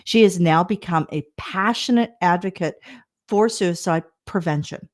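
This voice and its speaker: A woman's voice: lowish voice, moderate pace. A woman hosting a podcast, speaking earnestly and leaning hard on key words as she introduces her guest. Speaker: podcast host. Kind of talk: podcast interview.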